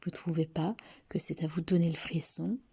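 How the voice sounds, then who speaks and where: A woman voicing a gossiping small-town neighbor who confides scandal in hushed, shocked tones. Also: sits low, steady tone, moderate pace, slightly rough, heavily acted.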